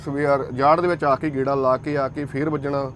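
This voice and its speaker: A Punjabi-accented man, a truck driver, showing his truck and cab in casual chat, eager and quick to agree. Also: medium pitch, flat delivery, fairly bright tone, a little hiss or hum. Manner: eager, agrees often with repeated "bilkul". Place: parked truck and cab, outdoors, then driving.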